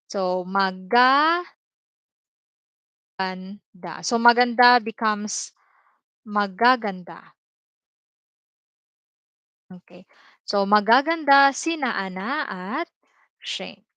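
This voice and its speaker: A woman with a Filipino accent teaching a language lesson on a livestream, explaining slowly with many repeated examples and tag words. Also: on the high side, a bit bright, dry recording. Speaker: Tagalog teacher.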